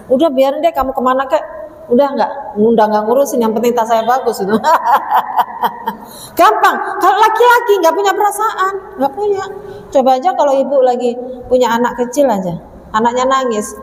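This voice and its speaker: A woman, a religious teacher addressing a women's study group in a lively, joking way, then leading recited prayers. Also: high voice. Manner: animated, joking, mimics people. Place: prayer gathering hall. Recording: echoey hall with faint hum.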